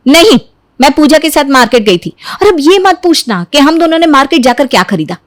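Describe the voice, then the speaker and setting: A woman's voice: high voice, very animated, a little fast, no room sound, studio quality. A woman voicing a touchy, defiant young woman who snaps and whines when she talks back. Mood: snappish. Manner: snappish, whiny, talks back.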